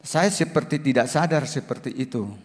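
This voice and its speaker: A middle-aged man, a pastor, telling a personal testimony in a sermon, moving between hushed and loud passages. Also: mid-range voice, brisk. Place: church service hall. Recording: long hall reverb.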